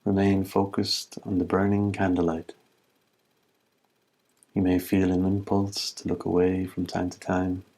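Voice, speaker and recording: A deep-voiced man teaches a guided meditation, his delivery calm and measured and broken by long pauses.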